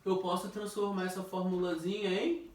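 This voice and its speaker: A male physics teacher giving a relaxed, joking review and quizzing a student. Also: high-pitched. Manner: jokey, questioning, drawn-out stressed words. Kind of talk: informal classroom review. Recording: echoey room, distant mic.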